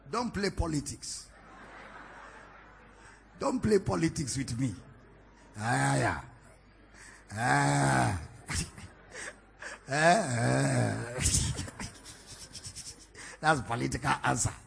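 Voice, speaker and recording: A Nigerian man preaching a sermon in a church, teasing the congregation with questions and then building to shouted climaxes. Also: medium pitch, vocal fry, breathy edge. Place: church hall, large, indoors.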